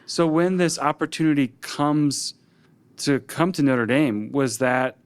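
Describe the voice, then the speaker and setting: A man's voice: fairly high pitch, measured pace, clear, resonant tone. A man hosting a podcast, asking questions hesitantly with many restarts and short affirmations. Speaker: podcast host. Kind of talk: casual interview.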